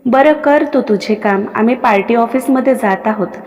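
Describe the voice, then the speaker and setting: A woman's voice: fairly high pitch, moderate pace, a little mellow, natural voice. A woman voicing a confident, mischievous young man with a smug, teasing manner, in a story with a long reverb.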